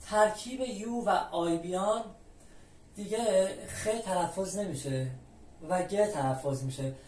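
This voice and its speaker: A patient, methodical teacher from Iran walks through the alphabet and repeats every example word slowly. The mic sits some distance away, so the voice carries a roomy echo. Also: mid-range voice, darkish tone. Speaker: language teacher. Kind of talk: explaining the Spanish alphabet step by step.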